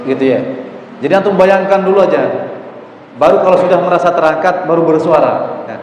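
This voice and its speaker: A man's voice: a little high, fairly quick, darkish tone, muffled recording, slight background noise. A man teaching Quran recitation, patiently coaxing students through pronunciation drills and demonstrating the sounds himself. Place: mosque hall. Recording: echoey mosque hall, faint ambience.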